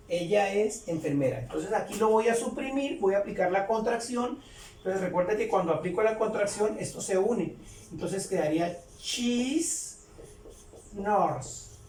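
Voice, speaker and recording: A man teaching English grammar step by step, repeating each example sentence slowly and patiently. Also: high voice, a little mellow, slight background noise. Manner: slow, repetitive, explains each example twice. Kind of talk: step-by-step tutorial. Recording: roomy, distant mic with faint ambience.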